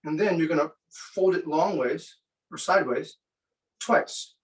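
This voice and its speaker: A man's voice: on the high side, a little slow, distant mic, rough recording. Man demoing a recipe, a bit off-mic. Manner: relaxed, chatty, with fillers. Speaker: cooking demo presenter. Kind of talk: live cooking demonstration.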